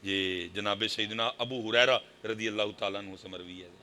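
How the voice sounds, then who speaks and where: A Pakistani man with a Punjabi accent preaching a sermon at a religious gathering, moving from quiet talk to high shouted exhortation. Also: steady tone, normal speed. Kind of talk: impassioned sermon.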